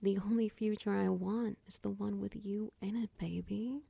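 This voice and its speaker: A woman playing a tender, protective girlfriend in a whispered comfort roleplay, talking softly and reassuringly, close to the mic. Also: mid-range voice, fairly even intonation, vocal fry, breathy edge, no room sound. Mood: soothing. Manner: soft, slow, reassuring, half-whispered. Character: tender protective dominant girlfriend, doting and patient. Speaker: audio roleplay performer.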